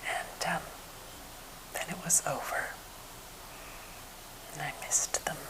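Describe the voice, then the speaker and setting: An American woman whispering softly and breathily in a gentle, unhurried ASMR chat, as for a finger-tapping video. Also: low-quality recording. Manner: gentle, unhurried rambling storytelling. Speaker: ASMR creator showing wooden objects.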